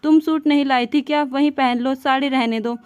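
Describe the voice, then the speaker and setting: A woman voicing a gentle, teasing young husband. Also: sits high, steady tone, moderate pace, lo-fi sound, natural voice. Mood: reassuring. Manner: affectionate, playful.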